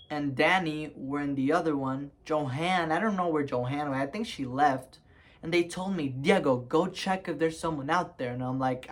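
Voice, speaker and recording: A man's voice: a little high, fairly bright tone. Young guy vlogging a storytime, rambly, lots of ums and restarts, laughs at his own story. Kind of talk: casual storytime.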